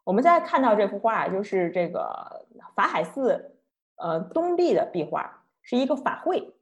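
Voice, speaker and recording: A woman giving an online lecture, telling a story in a chatty, lively way. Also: medium pitch, moderate pace, lo-fi sound. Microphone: online talk, computer mic.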